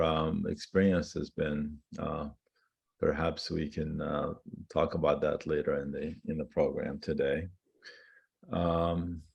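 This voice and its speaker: A man's voice: a bass voice, creaky, darkish tone. A man moderating a virtual question and answer session, hesitant and full of fillers. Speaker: event moderator. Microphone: video call. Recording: dull lo-fi video call audio.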